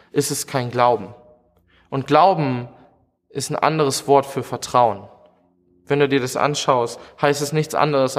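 A man preaches with earnest conviction and talks directly to each listener. His voice sits at an ordinary middle pitch. A long reverb trails behind his words, as in a large hall. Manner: earnest, direct address with frequent "hey". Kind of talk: sermon.

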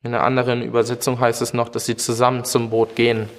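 A man's voice: medium pitch, completely flat delivery, quick pace, in a large hall. A man preaching a sermon in an earnest way, speaking straight to his listeners and often calling out "hey". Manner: earnest, direct address with frequent "hey".

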